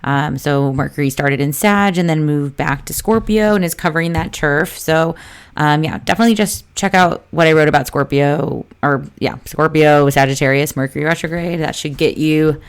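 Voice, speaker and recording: A woman with vocal fry, talking casually and chattily into a close podcast mic as an astrologer hosting her own show. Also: deep voice, normal speed. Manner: chatty, loose and informal, with frequent fillers and asides. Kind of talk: casual solo podcast talk.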